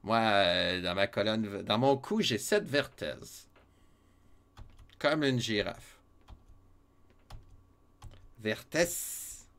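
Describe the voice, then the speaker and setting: A man's voice: lowish voice, lively intonation, extremely slow, pauses often, fairly bright tone, smooth. A man with a Québécois French accent giving casual, playful gameplay commentary as a streamer, teasing his viewers and chuckling often. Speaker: let's-play streamer.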